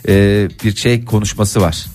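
A man's voice: on the low side, steady tone, measured pace, a little mellow, faint music behind. A man hosting a casual, humorous talk, telling things in a rambling, colloquial way. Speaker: talk show host.

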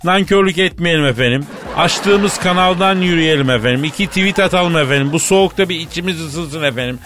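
A man's voice: a little high, brisk, music in the background. Theatrical comic male radio host. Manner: theatrical, slangy, swings between mock-sorrow and excitement. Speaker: comedy radio show host. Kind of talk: comic storytelling in a radio sketch.

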